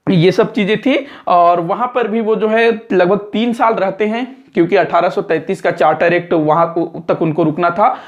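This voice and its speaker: Guy lecturing exam students, fairly high voice, chatty, repeats stuff to drive it home. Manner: explanatory, conversational, repeats points for emphasis. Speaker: exam coaching teacher.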